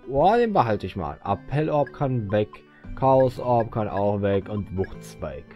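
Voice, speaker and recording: A man's voice: lowish voice, very animated, measured pace, muffled recording, faint music behind. A man casually commentating as he plays a video game, joking, mumbling and chatting to the screen. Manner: goofy, chatty, talks to the game. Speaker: let's player.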